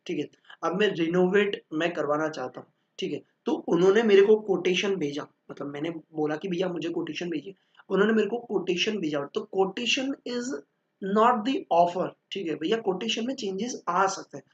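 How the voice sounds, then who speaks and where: A high-voiced young Indian man teaching law in a lively, playful way, slipping between Hindi and English and slowing down to read from the book. The room echoes around him, and the sound is a little dull. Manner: lively, mixes Hindi and English, calls students beta and bhaiya; reads book lines in English slowly. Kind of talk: classroom lecture.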